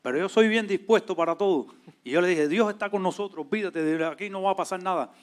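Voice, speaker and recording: Animated man telling a story. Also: high voice, quick pace. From Cuba. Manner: animated, acts out quoted voices. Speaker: church servant leader, guest. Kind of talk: testimony storytelling.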